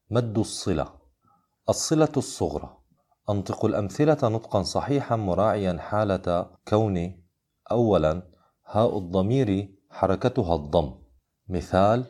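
Male recitation teacher, deep voice, measured scripted delivery with slow chanted examples. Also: mellow.

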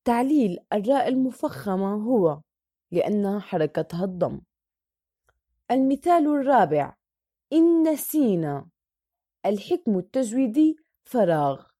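A woman's voice: mid-range voice, big pitch swings, moderate pace, mellow, breathy edge, no echo, studio quality. A woman teacher reading a Quran recitation worksheet aloud, going through each question and answer methodically and drawing out the example words.

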